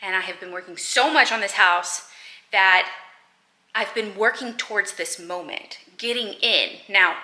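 A woman's voice: medium pitch, pushed and bright, reverberant, poor audio. A young woman vlogging casually to a camera held at arm's length, chatty and upbeat. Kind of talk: casual vlog chat. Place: inside a car, then a showroom and a house under renovation.

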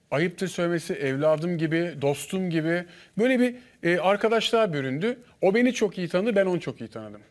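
Fast, fairly high-voiced man guest on a studio panel, animated storyteller. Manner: lively anecdote-telling, acting out dialogue. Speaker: guest, former contestant.

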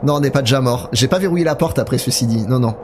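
A horror game let's player talks fast in a medium-pitched voice over a noisy background. He chats directly to his viewers as he plays, reacting out loud to the scares.

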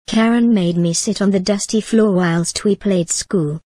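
A woman reading a story aloud in a measured, even manner. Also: medium pitch, dry recording. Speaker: narrator. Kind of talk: storybook narration.

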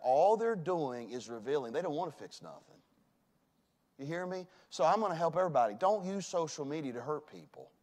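A man, preaching a sermon in a church. He swings from loud emphasis to hushed tones. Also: a little high. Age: 40s. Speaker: pastor. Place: church sanctuary.

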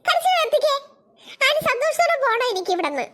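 Woman doing a gentle cartoon auntie, high, sweet, soothing. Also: big pitch swings, fast, slight background noise, full character voice. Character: kind cheerful auntie, forgiving.

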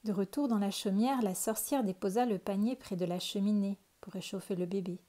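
A woman calmly reading a children's picture book aloud. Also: medium pitch. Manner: calm, unhurried storytelling. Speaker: storyteller.

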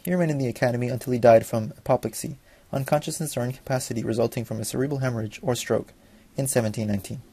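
Young man, student presenter, rapid delivery, mellow dark tone, reading notes with slips. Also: mid-range voice, steady tone, husky, no room sound. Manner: fast, reads from notes with small slips. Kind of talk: read school presentation.

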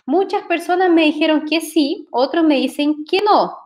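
A woman's voice: extremely high pitch, moderate pace, a little mellow. A woman teaching a Spanish lesson, patient and explanatory, often checking in with her listeners. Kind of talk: language lesson to camera.

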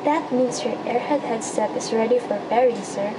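A woman's voice: fairly high pitch, normal speed, natural voice. Courteous young female call center agent played by a woman, recited lines, distant mic, heavy noise. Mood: courteous, instructing. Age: young adult. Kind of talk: scripted call center role-play. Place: indoor room. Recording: distant mic, loud background hum.

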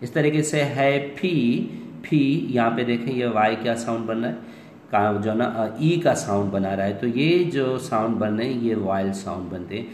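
A man teaching an online English class, explaining step by step and asking questions he answers himself, slowing down to stretch out English phrases. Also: medium pitch, a little mellow. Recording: roomy echo with long reverb, faint noise.

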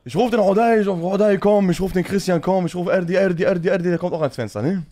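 A man's voice: high voice, racing. A man telling a funny story in casual street slang, laughing often as he goes. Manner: animated, slangy, keeps saying "Bruder".

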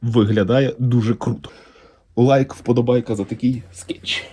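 Unboxing comics for his channel, this man sounds husky at a medium pitch. His delivery is easygoing and excited, never rushed, and his intonation stays lively.

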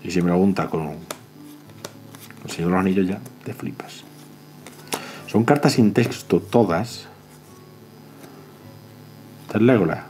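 Excitable low-voiced man unboxing a game. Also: a little hiss or hum. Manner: excitable, pleading and self-talking. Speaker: board game channel host. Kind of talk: casual unboxing commentary. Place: indoors at a table, off camera.

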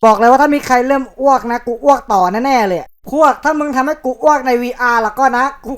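A woman doing a loud, crude teenage boy. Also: high-pitched, fast, lightly acted. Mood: pleading. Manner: loud, disgusted, swearing ranting. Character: crude, excitable teenage boy on a camping trip. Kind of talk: Thai fan dub of a comedy video.

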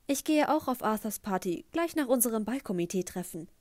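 A woman's voice: on the high side, expressive, a little fast, a little mellow, no echo, close to an everyday voice. A woman voicing a smug, haughty teenage schoolgirl with a prim tone. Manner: prim, self-satisfied tone.

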